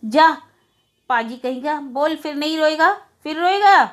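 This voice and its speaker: A woman's voice: a little high, normal speed, natural voice. A woman voicing a stern, weary widowed elder brother, speaking in a heavy, burdened way. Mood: angry.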